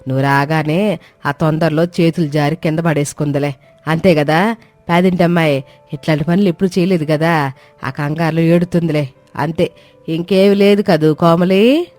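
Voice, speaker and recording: A man's voice: fairly high pitch, fairly even intonation, moderate pace, a little mellow, no echo, faint music behind, voice pushed up, lightly acted. A male narrator voicing a scheming, domineering older mother-in-law who talks in a falsely doting, sweet-talking way. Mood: smoothing over.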